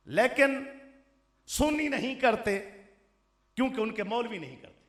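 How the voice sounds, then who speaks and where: A man with a Punjabi accent delivers a sermon in a mosque, his high voice leaping up and down as he fires questions at the listeners. His delivery swings between loud and hushed. The voice rings through an echoey mosque sound system. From Pakistan. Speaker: Islamic cleric. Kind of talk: fiery sermon.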